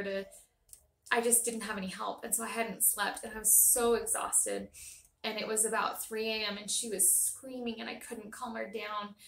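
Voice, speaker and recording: Young mom vlogger, earnest and indignant storytelling, some vocal fry, roomy recording. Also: female voice, medium pitch, fairly bright tone, slight background noise. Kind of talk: emotional birth story.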